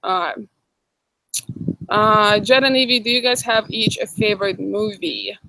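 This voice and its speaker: Hosting a casual live chat Q&A, a young woman from Russia answers viewer comments with a Russian accent. She speaks at a measured pace in a creaky, sharp mid-range voice, captured in a dry, low-quality recording.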